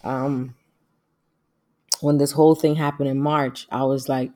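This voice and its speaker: A woman's voice: rumbling low, level tone, measured pace, darkish tone. A middle-aged woman speaking casually and earnestly as she hosts a personal podcast, with a reflective, devout manner. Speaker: podcast host.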